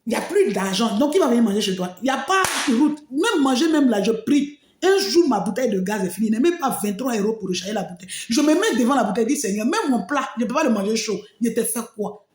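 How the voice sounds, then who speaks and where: Telling her story with frequent exclamations, a woman delivers an emotional personal testimony in an animated, fast voice with hardly any pauses. Her pitch sits fairly high and ranges widely, and the room echo is noticeable.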